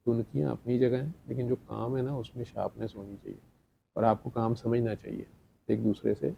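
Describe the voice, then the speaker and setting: A middle-aged man tells a story to a gathering, chatty and anecdotal, acting out each line of dialogue. His voice is gravelly and sits at an ordinary pitch. The recording sounds dull and lo-fi. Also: level tone, fairly quick, slight background noise. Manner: anecdotal, chatty, quotes dialogue, laughs between lines. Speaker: speaker addressing a gathering. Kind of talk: storytelling talk.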